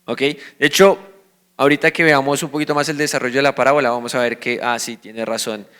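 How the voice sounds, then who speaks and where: A man's voice: medium pitch, level tone, fast talker, a bit bright, clean tone. A man with a Colombian accent preaching a sermon as a pastor, explaining scripture and asking his listeners questions that he then answers himself. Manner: teaching, asks the congregation questions and answers them.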